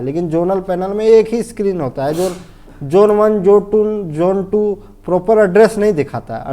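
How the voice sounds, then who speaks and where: Here a fire safety instructor with an Indian accent speaks in a high, warm voice during a casual technical lesson. His teaching is didactic and repetitive: he walks through each step, restates points, checks understanding, and asks himself questions.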